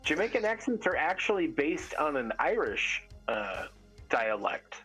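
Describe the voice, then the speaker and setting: A man playing a character in a tabletop game, relaxed and joking. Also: on the high side, a little slow, breathy edge, soft background music, poor audio. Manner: laid-back, joking. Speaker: player.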